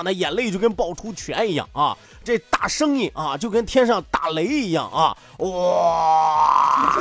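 A man's voice: sits high, a bit bright. A man hosting a radio show, telling a folk tale for laughs, chuckling and asking tag questions as he goes. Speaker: radio host. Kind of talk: comic folk-tale storytelling.

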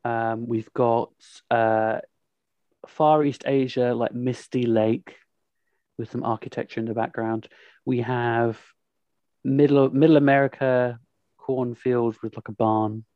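A man's voice: medium pitch, steady tone, slow, no room sound, muffled recording. A young man hosting a podcast, chatting casually with many ums and asides. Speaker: podcast host. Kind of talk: casual chat.

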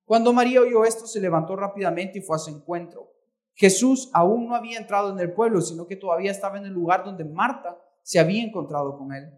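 Brief: male pastor, high voice, reads scripture and explains it for an interpreter. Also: quick pace. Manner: corrects his own misreadings. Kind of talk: bilingual sermon with interpreter.

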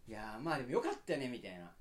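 A man on a casual podcast, telling a long story with animated delivery and acted-out quotes. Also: medium pitch, racing. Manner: animated storyteller, acts out quoted lines, laughs often. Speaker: podcast co-host.

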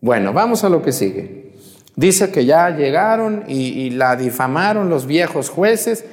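A priest preaches to his congregation in a fairly high, lively voice, throwing questions at them and teasing them. The church gives his voice a long, lingering reverb. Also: measured pace. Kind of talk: sermon during mass.

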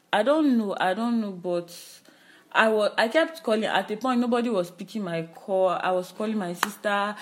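A young woman, co-hosting a podcast and retelling a painful loss in a halting, emotional way with many restarts. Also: medium pitch. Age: young adult. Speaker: podcast co-host. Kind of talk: casual conversation.

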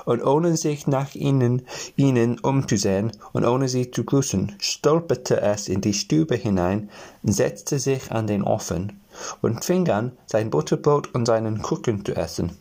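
A man reading a fairy tale aloud as a storyteller, telling it gently and now and then addressing the listeners. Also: medium pitch, lively intonation, a little slow, vocal fry.

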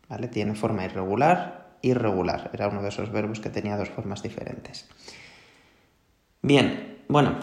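A man's voice: fairly low pitch, creaky, reverberant. A man with a Spanish accent from Spain, teaching an English pronunciation lesson in a patient, explanatory way and checking in often with his students. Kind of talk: recorded classroom lesson.

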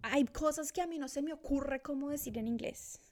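A woman in her thirties in Australia chats casually and thoughtfully, often restarting what she says. She sits high in pitch, talks at a normal speed and sounds a little mellow.

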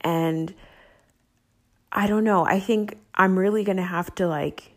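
A woman's voice: mid-range voice, fairly even intonation, a little slow. A woman hosting a solo podcast, talking casually and candidly, full of self-doubt and fillers like "like.". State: emotional, close to tears at times. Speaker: podcast host.

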